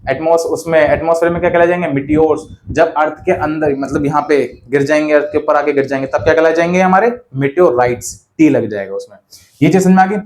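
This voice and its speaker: A man's voice: a little high, quick pace, a little mellow. A young male teacher giving a whiteboard lesson, firing rhetorical questions and having students repeat key terms after him.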